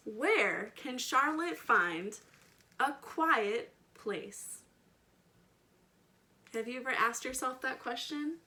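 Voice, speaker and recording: A woman with a fairly high, bright voice and a forceful tone reads a picture book to children, leaning on key words. As a storytime reader and educator, she speaks to the kids directly, using simple words, questions, and chatty asides.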